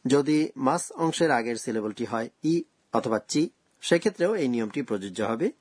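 Husky-voiced man presenting a lesson. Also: mid-range voice, expressive, darkish tone, dry recording, clean studio sound. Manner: slow, careful explaining of grammar rules. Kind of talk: scripted radio language lesson.

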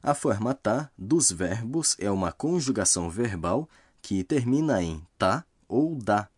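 A man narrating a scripted language lesson, explaining grammar rules slowly and carefully. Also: lowish voice, animated, darkish tone, slightly rough, no echo, studio quality.

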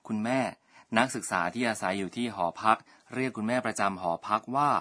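Bright-voiced man teaching a language lesson. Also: fairly low pitch, brisk. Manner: polite, explains word by word.

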